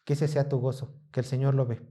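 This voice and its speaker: A man with a Mexican Spanish accent preaching a sermon in a church, animated, acting out the voices of the people in the story. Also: mid-range voice, quick pace.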